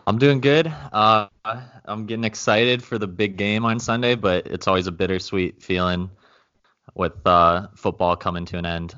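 A man's voice: on the low side, steady tone, normal speed, bright, forceful tone, clean tone, highs cut off. A man, a regular podcast guest, chatting in easygoing, friendly banter. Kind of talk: casual podcast chat.

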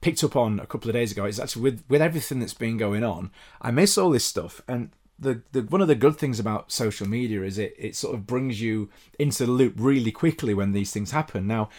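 A man's voice: mid-range voice, lively intonation, a little fast, hardly any pauses, darkish tone. A man with a Yorkshire accent hosting a podcast, chatting casually with many fillers and easy laughs. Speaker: podcast host. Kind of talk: casual interview chat and solo wrap-up.

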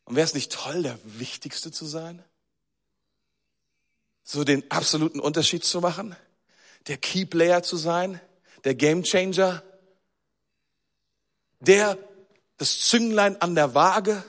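Casting note: man, slightly high voice, conversational preacher, rhetorical questions to the audience, long hall reverb. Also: slow pace, long pauses. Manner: conversational, asks the audience questions, animated emphasis. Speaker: pastor. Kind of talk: sermon.

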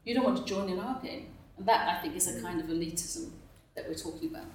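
A woman's voice: on the low side, fast talker, slight background noise. A woman speaking on a roundtable panel, thoughtful and full of "you know" fillers. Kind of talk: roundtable discussion. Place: conference room. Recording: roomy echo, mic far off.

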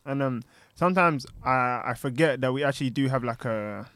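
A man's voice: medium pitch, brisk, fairly bright tone, no room sound. A young man with a London accent, chatting casually as a podcast co-host. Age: young adult. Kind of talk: casual chat.

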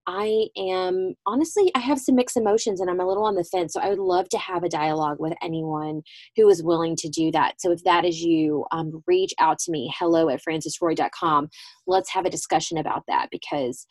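A woman with a low voice hosts a casual solo podcast. She talks in a reflective, halting way, pausing as she thinks. The sound is close and dry, recorded inside a small closet. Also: darkish tone, no room sound. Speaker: podcast host.

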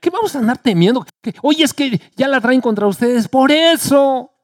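High-voiced preacher telling a story. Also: male voice, fairly quick, dry recording, studio quality. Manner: lively storytelling preacher, acts out quotes with rising pitch. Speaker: pastor. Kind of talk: sermon.

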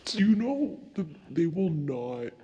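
A man's voice: fairly high pitch, slow pace, slightly rough, muffled recording. A young man co-hosting a casual late-night podcast, telling rambling stories full of swearing. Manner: rambling, swears a lot, animated storytelling. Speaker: podcast co-host.

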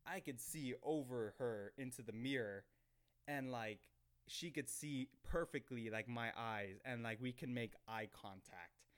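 Rambling young man with a smooth voice. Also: medium pitch, unhurried. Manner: rambling, self-conscious, heavy filler words and restarts. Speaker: podcast host. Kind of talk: casual storytelling monologue. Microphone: desk microphone.

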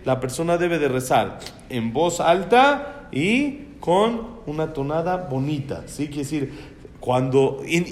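A male rabbi preaches in a storytelling way, acting out quotes and dropping in Hebrew terms. His voice sits a little higher than most men's. The room is echoey, with a faint steady hiss underneath. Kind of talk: sermon.

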